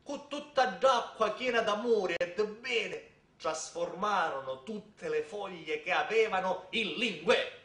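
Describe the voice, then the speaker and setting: A man with a southern Italian, Sicilian accent telling a tale theatrically, with dramatic repetitions and pauses. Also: high voice, a bit bright. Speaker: theatre storyteller. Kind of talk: theatrical oral storytelling in Sicilian dialect. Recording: echoey room, distant microphone.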